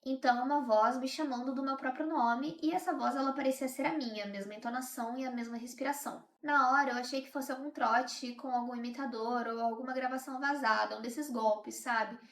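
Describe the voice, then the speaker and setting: A woman's voice: sits high, fairly even intonation, fairly quick, few pauses, roomy sound. A young woman reading a first-person horror account in a tense, confiding way. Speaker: horror channel host.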